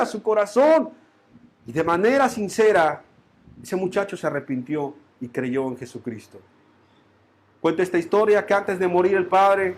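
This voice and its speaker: High-voiced Colombian preacher. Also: male voice. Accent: Colombian Spanish. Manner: storytelling, emphatic repetition, rising and falling intensity. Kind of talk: sermon.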